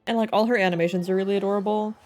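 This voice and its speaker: While live streaming a game, a woman chats casually and expressively, giggly and talking very fast. Her voice is mid-range, with soft background music behind it.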